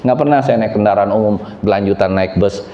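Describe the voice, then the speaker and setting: Animated male pastor in echoey church. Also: a little fast, slight background noise. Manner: animated storytelling, voices quotes higher; addresses congregation directly. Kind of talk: sermon. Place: church hall. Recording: echoey church hall, slightly dull sound.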